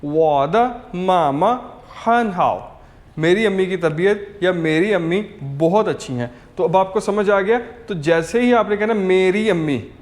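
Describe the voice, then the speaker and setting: A man's voice: high-pitched, moderate pace, few pauses, darkish tone. A man teaching a language lesson, patiently repeating each word for learners to copy and checking in with "ok" as he goes. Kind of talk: slow step-by-step language lesson.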